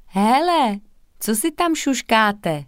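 A woman's voice: mid-range voice, lively intonation, no echo, clean studio sound, natural voice. A woman voicing a curious, outspoken schoolgirl. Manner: curious, calling out.

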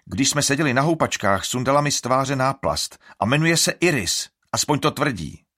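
A man's voice: medium pitch, sing-song, bright, forceful tone, pitched above the performer's own voice. A man voicing a bitter, accusing young boy in an audiobook. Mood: angry. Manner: accusing, gloomy.

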